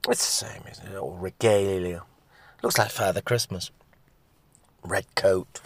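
A man's voice: deep voice, steady tone, unhurried, vocal fry, breathy edge, heavily acted. A man playing a theatrical older Englishman who gossips indignantly, drawling his darlings. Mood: gossiping.

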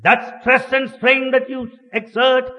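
A man interpreting a sermon line by line, measured and deliberate, on a dull archive recording in a large hall. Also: very high-pitched, flat delivery. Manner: slow, measured phrasing.

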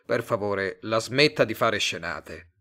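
A man reading a story aloud, voicing a cold, bland male agency director who speaks calmly and condescendingly. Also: unhurried. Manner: calm, low, coolly condescending.

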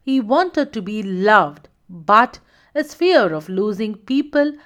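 A woman hosting a children's story show, narrating in an expressive, sing-song way. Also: medium pitch, slow. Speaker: storytelling host.

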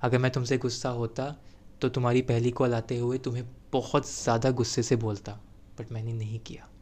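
An eager, flustered young man, acted out by a male storyteller reassures his partner with hurried, affectionate lines. His voice jumps higher when he gets excited. The pitch is otherwise an ordinary middle register. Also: close to an everyday voice. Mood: reassuring. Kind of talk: storytelling role-play.

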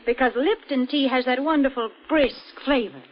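A woman reading a bright, persuasive sales pitch as the commercial announcer of a 1940s radio broadcast, with an old radio broadcast sound. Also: moderate pace, a little hiss or hum. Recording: dull lo-fi 1940s radio recording.

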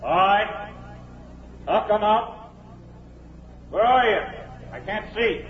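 A man's voice: sits high, animated, slow pace, slight background noise. An actor playing a cornered male killer who gives himself up, in 1940s radio drama style. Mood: wary. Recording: lo-fi old radio, echoey.

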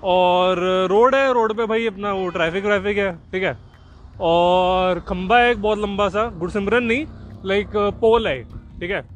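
A man's voice: high voice, measured pace, slight background noise. A young man hosting a podcast, joking and rambling as he describes a car showroom outdoors, mixing Hindi with English. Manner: jokey, chatty, mixes Hindi with English. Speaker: podcast host. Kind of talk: rambling walk-and-talk commentary.

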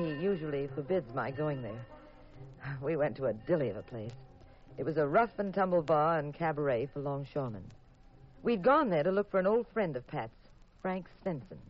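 Poised, wry wife, old radio. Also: female voice, low voice, expressive, normal speed. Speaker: lead actress and narrator. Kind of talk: 1950s radio drama acting. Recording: muffled old radio recording with music.

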